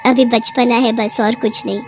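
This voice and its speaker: A woman voicing a gentle, dutiful young daughter-in-law with a soft, caring manner in an animated story, with faint music behind. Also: on the high side, normal speed, lightly acted. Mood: soothing.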